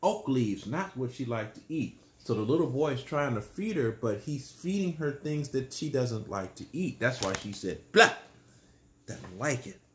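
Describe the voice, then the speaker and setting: A man reading a bedtime story aloud and gently explaining it to children. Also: medium pitch, expressive, normal speed, few pauses, echoey room, a little hiss or hum. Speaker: storyteller, channel host.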